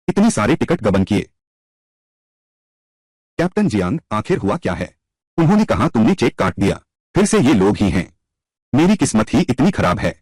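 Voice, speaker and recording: A man's voice: fairly low pitch, darkish tone, breathy edge, dry recording. A man reading all the parts of a dubbed drama in one voice, switching between scornful taunts and pleading.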